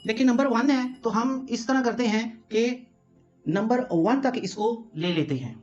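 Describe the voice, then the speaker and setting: A man's voice: extremely high pitch, measured pace, dull audio, soft background music. A man from Pakistan teaching a math lesson, explaining each step patiently in a mix of Urdu and English terms.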